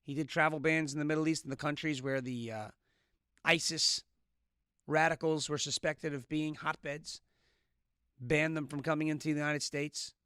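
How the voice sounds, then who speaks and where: A man's voice: on the high side, fairly bright tone, smooth, no room sound, studio quality. A man in his early thirties guest-hosting a political commentary show with a sarcastic, snarky delivery. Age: 30s. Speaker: guest host.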